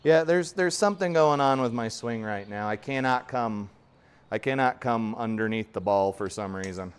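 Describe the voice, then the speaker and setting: A man's voice: mid-range voice, moderate pace, clean tone. A man in his forties giving casual, rambling, self-deprecating commentary while playing in a home golf simulator. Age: 40s. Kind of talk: casual play-along commentary.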